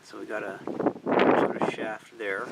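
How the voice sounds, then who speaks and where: Guy hosting an exploring vlog outside, kinda halting casual talk, tons of wind noise on the mic. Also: lowish voice, level tone, vocal fry. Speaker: host of a mine exploring video. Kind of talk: casual outdoor exploration commentary. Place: outdoors at an abandoned mine in open desert. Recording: loud wind noise outdoors.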